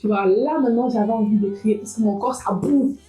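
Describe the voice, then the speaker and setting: A young adult woman vlogging casually, talking straight to her viewers in a lively, chatty way. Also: on the high side, a little fast, reverberant, music in the background, poor audio. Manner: lively, talks directly to viewers. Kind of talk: casual motivational vlog.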